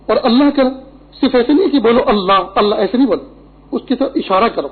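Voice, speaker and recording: A middle-aged man delivers an earnest, instructive Friday sermon, weaving in Arabic quotations. His voice sits high and breathy. The recording is thin and phone-like. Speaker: preacher.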